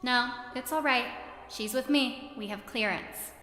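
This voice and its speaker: A woman playing a composed empress in an audio drama, measured, authoritative and reassuring. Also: fairly high pitch, sharp tone. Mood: calm authority. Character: composed, commanding empress, reassuring to her subordinate. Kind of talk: scripted audio drama acting. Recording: roomy, reverberant, music behind.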